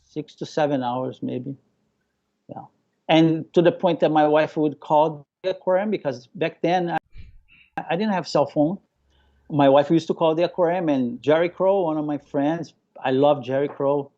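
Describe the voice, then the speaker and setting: This is a hobbyist aquarium keeper, a man whose first language is Portuguese, telling stories as a guest in a casual live interview. He speaks with a Brazilian accent touched by local Hawaiian influence, in a soft, dark, slightly high voice at moderate speed. Enthusiastic, he repeats himself and performs remarks from memory, all captured in dull lo-fi sound.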